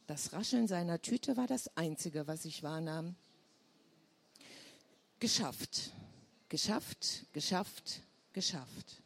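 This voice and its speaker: A woman, the author, reading her novel aloud in a measured first-person voice and pausing to explain. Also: on the low side, expressive, gravelly, breathy edge.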